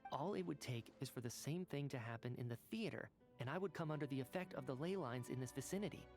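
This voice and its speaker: A man voicing an earnest male scientist in a video game, measured and thoughtful, with faint music behind. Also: mid-range voice, a little mellow, lightly acted. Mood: calm reasoning.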